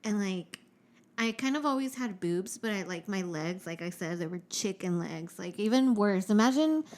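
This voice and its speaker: A woman's voice: mid-range voice, expressive, moderate pace, a little mellow. A young woman co-hosting a podcast, chatting openly and bluntly in a mid-range voice. She swears freely, leans heavily on "like", and slips Spanish words into her talk. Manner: frank and profane, heavy use of "like". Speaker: podcast co-host. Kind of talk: casual chat.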